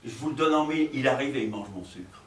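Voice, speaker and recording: A male stage actor playing a fussy, lecherous middle-aged provincial professor in a live farce, with theatrical, excitable delivery and chuckling asides to the audience. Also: medium pitch, fast talker, natural voice. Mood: comic. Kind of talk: live stage comedy performance. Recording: roomy stage sound from a distant mic.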